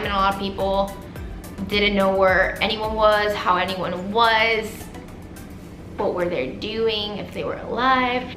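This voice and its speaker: Young woman, bright upbeat chatty voice, echoey small room, faint music. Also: fairly high pitch. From Puerto Rico. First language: Spanish. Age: 20s. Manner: upbeat, chatty, reads questions aloud. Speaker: vet student vlogger. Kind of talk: casual Q&A vlog. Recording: roomy echo, faint music behind.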